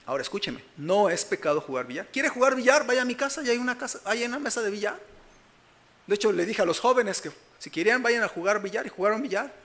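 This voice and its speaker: A man's voice: sits high, lively intonation, fast, fairly bright tone. A man with a Mexican Spanish accent from Mexico City, preaching a sermon as pastor and often checking that the congregation is following him. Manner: keeps asking the congregation whether they follow him.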